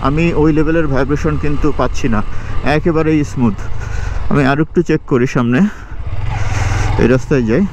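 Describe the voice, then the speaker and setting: A man's voice: fairly high pitch, fairly quick, long pauses, a little mellow, slight background noise. A man with a Bangladeshi Bengali accent giving a chatty motorcycle review while riding, dropping in English phrases and calling the listener brother.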